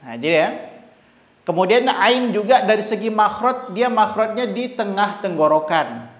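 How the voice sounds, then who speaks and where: A man teaching tajweed, slowly demonstrating Arabic sounds and repeating syllables for students. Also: high-pitched, animated, muffled recording, faint music behind. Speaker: Quran recitation teacher. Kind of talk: tajweed lesson with recited examples. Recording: echoey room with long reverb.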